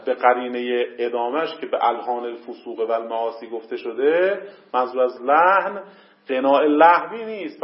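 A man teaching a seminary class, reading out Arabic passages and explaining them, with pauses and questions to his students. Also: medium pitch. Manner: hesitant fillers, questions to the class. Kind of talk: classroom lecture on a legal text. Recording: dull lo-fi classroom recording.

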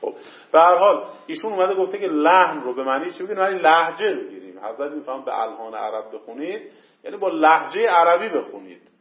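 A man teaching a seminary class, reading out Arabic passages and explaining them, with pauses and questions to his students. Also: fairly high pitch, animated. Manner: hesitant fillers, questions to the class. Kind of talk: classroom lecture on a legal text. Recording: dull lo-fi classroom recording.

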